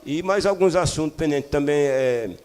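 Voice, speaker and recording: A man's voice: on the high side, normal speed, darkish tone, clear, resonant tone. An older man from Piauí, Brazil, a cordel poet talking at a literary panel in a rambling, hesitant, joking way. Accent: Piauí Brazilian Portuguese. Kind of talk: casual panel talk.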